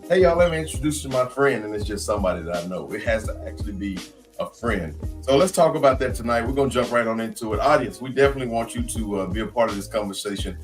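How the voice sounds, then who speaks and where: A man's voice: mid-range voice, quick pace, faint music behind. A man hosting a live podcast, talking casually and reading out viewer comments. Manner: relaxed, conversational, reads out comments. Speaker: podcast host. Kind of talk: casual live-stream talk.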